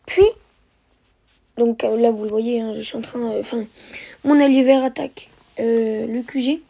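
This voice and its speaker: High-pitched hesitant woman commenting gameplay. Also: flat delivery, moderate pace, creaky, mellow. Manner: hesitant, many fillers and self-corrections. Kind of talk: narrated strategy game replay commentary.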